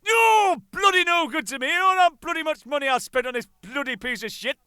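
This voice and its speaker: A man voicing a homesick, grumbling middle-aged Englishman, whining in drawn-out oh's. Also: very high-pitched, lively intonation, pushed and bright, clean tone, dry recording, pitched above the performer's own voice, heavily acted. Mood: furious. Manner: whiny moaning with drawn-out oh's.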